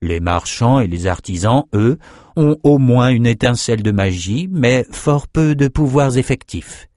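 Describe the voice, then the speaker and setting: A man's voice: medium pitch, lively intonation, measured pace, a little mellow, dry recording, studio quality, pitched above the performer's own voice, lightly acted. A man doing a suave sorcerer-ruler. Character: smooth, flattering male sorcerer-ruler.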